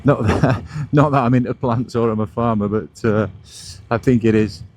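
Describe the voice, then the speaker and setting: A man narrates his motorbike ride in a casual, chatty way, explaining things like a local guide. His voice sits at an average pitch. It is recorded outdoors on the move, with light vehicle and wind noise behind it. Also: normal speed, a little mellow. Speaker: motorcycle vlogger and host. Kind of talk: casual motovlog commentary while riding. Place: outdoors, riding a motorbike along roads.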